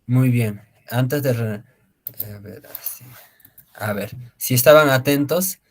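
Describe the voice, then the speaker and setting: A male language teacher, mid-pitched for a man, lecturing to an online class. He explains slowly and repeats words, with many fillers and tag questions.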